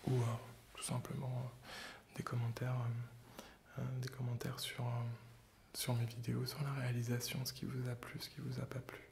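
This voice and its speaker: A man hosting ASMR in a gentle, hesitant whisper, very close in the ear on binaural microphones. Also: mid-range voice, monotone, moderate pace, gravelly, a little hiss or hum. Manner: gentle, soft-spoken. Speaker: ASMR video host. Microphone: close binaural stereo microphones.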